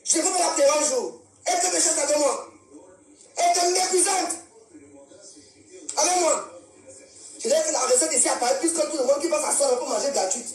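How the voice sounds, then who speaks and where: Defiant high-voiced woman ranting. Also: brisk, pauses often, darkish tone, distant mic. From Cameroon. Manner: defiant, confrontational, repeats herself. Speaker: social media live streamer. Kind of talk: angry live-stream rant. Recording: echoey room, voice from off the mic, faint music.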